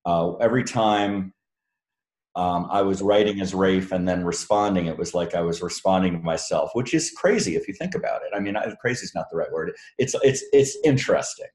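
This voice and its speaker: A man's voice: sits low, a little fast, reverberant. Chatty man on a video call. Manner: relaxed, chatty, laughs easily, many fillers. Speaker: author interviewed by a book club. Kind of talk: casual video call interview.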